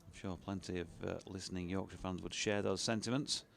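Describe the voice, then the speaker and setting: Bloke calling cricket on radio, lowish voice, easygoing and chatty. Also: male voice, a little fast, gravelly. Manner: relaxed, chatty, with fillers and laughs between balls. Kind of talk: ball-by-ball radio commentary.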